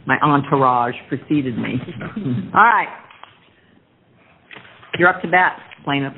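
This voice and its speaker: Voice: medium pitch, animated, slow pace, slight background noise. A presiding judge questioning counsel in an informal, plain-spoken way. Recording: thin phone-like courtroom audio.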